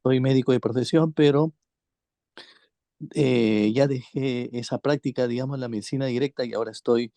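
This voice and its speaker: A man joining a webinar by video call, speaking hesitantly with many pauses as he asks a question. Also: mid-range voice, steady tone, dark tone, dry recording. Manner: hesitant, many fillers and restarts. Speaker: webinar attendee asking questions.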